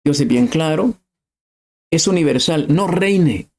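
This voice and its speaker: A man's voice: on the high side, slow pace, a little mellow. A middle-aged man preaching a sermon, impassioned and emphatic, rising to cries.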